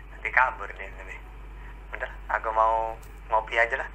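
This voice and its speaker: A man's voice: lowish voice, fairly even intonation, measured pace, pushed and bright, a little hiss or hum, low-quality recording. Combative man in an online debate. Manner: challenging, combative. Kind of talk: heated online voice-chat debate.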